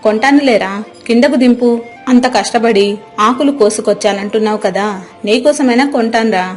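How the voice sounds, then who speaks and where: A woman voicing a kindly village woman in a cartoon story, talking in a gently coaxing way. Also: fairly high pitch, fairly quick, faint music behind, natural voice. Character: kindly village woman buying leaf plates.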